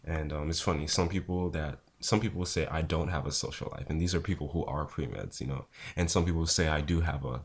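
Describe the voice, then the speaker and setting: A young man talking casually to camera in a low, unhurried, low-energy voice with a husky, just-woken sound. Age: young adult. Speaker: vlogger, pre-med student. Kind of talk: casual talk to camera answering viewer questions.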